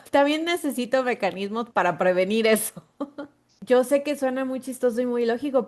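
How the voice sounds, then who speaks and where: A woman's voice: fairly high pitch, a little mellow. A woman with a Mexican accent, co-hosting a podcast in casual chat. She tells stories animatedly and acts out imagined dialogues with her own brain. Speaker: podcast co-host.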